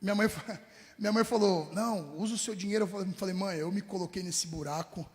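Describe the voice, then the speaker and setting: A man's voice: high voice, brisk, a little mellow, in a large hall. A man, a rapper telling his life story in an interview, full of street slang and acting out old conversations, sometimes choking up. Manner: street slang, acts out past dialogues, chokes up at times. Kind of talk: emotional personal testimony in an interview.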